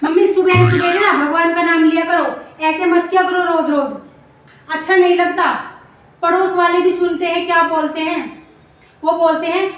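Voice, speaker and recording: A woman playing an exasperated young daughter-in-law who pleads and defends herself in a comic sketch. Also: very high-pitched. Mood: pleading. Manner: pleading, defensive, half laughing. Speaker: comedian. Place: home kitchen. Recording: very echoey room, mic far off, loud noise.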